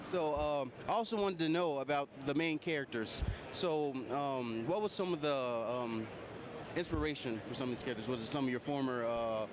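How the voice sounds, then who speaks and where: A man's voice: medium pitch, normal speed, background noise. A man interviewing a guest, asking questions hesitantly with many fillers.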